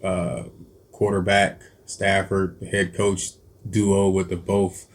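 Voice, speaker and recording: A man's voice: deep voice, level tone, takes it slowly. A man hosting a cooking channel, chatting casually through football picks with lots of ums, restarts and self-corrections. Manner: rambling, hesitant, many ums and self-corrections. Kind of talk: casual football picks chat while eating.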